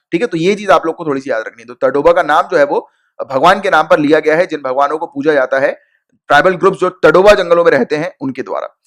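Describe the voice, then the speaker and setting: Brief: young male coaching teacher, a little higher-pitched, informal and repetitive, keeps asking "right?". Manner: chatty, repeats key points, checks in with "right?" and "okay?"; mixes English terms into Hindi. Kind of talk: casual Hindi exam-prep lecture.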